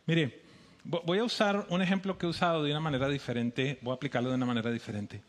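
A man with a Bogotá Colombian accent giving an animated sermon, acting out quoted voices with emphatic rises. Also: fairly high pitch, fast talker. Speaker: preacher.

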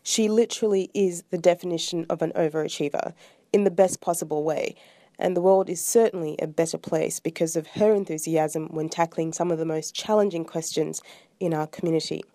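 A woman hosting an interview podcast, reading her introduction in a measured, upbeat way before asking questions. Her voice is low and mellow. The sound is dry and close. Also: fairly even intonation, no room sound.

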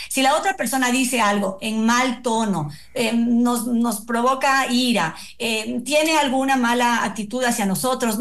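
A woman psychologist guest on a radio interview, explaining in a calm, measured way with frequent tag questions. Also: a little high.

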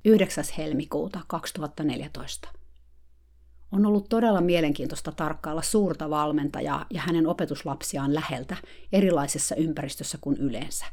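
A woman reads her diary entry aloud, telling it in a dry, wry way. Her voice sits low. It has a gravelly creak to it. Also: warm tone. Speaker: blogger narrating a diary. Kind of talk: read diary narration.

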